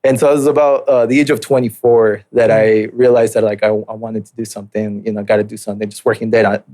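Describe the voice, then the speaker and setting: Fast-talking, with a low, dark voice and little pitch movement, this late-twenties man recounts his life story on a podcast. He was born in Mexico and raised in southern California and Utah, and he tells it in a relaxed, halting, casual interview way, with many fillers and restarts.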